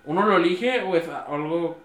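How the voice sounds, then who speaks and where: A man's voice: fairly high pitch, normal speed, a bit bright. A man, chatting as a podcast co-host, hesitant, with many fillers and false starts. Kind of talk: casual chat. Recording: echoey room.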